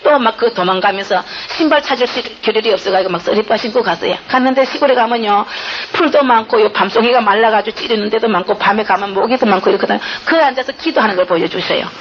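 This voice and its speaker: An older woman with a Gyeongsang accent gives an emotional church testimony, telling her story in an animated, tearful way, heard on a dull, slightly noisy recording. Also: on the high side, quick pace. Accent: Gyeongsang Korean.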